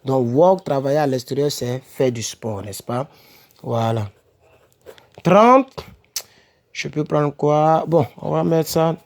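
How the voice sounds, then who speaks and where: A man's voice: a little high, lively intonation, slow pace, gravelly, long pauses. A man giving a casual home-made English vocabulary lesson, repeating words and checking in with "ok?" and "n'est-ce pas?", correcting himself as he goes. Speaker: English teacher for French speakers.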